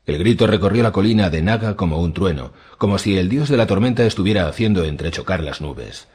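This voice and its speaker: A man narrating an audiobook in a measured, dramatic storytelling manner. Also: low voice, expressive, darkish tone, breathy edge. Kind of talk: scripted narration.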